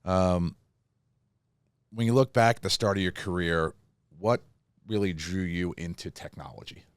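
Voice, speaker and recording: A man hosting a podcast interview, asking questions in a relaxed, conversational way. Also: deep voice, a little slow, clean tone, no room sound. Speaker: podcast host.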